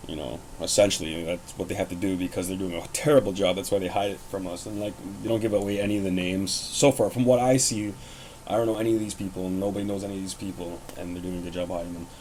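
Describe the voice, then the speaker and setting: Young man, deep voice, rambling blunt vlog talk, faint background hum. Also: darkish tone, low-quality recording. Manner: rambling, blunt and profane, many fillers. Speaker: host. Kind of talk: casual wrestling commentary vlog.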